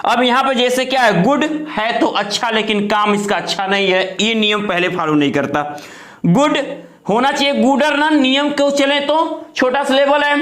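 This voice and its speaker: Here a male teacher lectures on grammar, taking it one step at a time and answering his own frequent questions. He speaks with an unusually high, slightly bright voice, and echo rings through the classroom.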